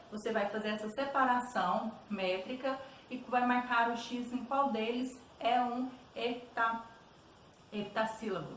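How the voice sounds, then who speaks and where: A Brazilian woman teacher explains exercises to her students patiently, checking in often with little questions. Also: on the high side. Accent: Brazilian Portuguese. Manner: patient, repeats "tá bom?" checks. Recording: roomy echo, distant mic, faint noise.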